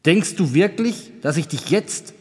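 A man reading the part of a stern, measured old king who questions a young squire. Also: fairly high pitch, lively intonation, breathy edge. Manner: questioning, weighty, deliberate. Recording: long reverb.

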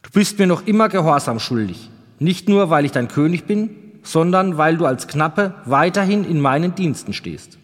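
A man's voice: on the high side, lively intonation, close to an everyday voice. A man reading as a stern old king. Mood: firm. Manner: questioning, weighty, deliberate. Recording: long reverb.

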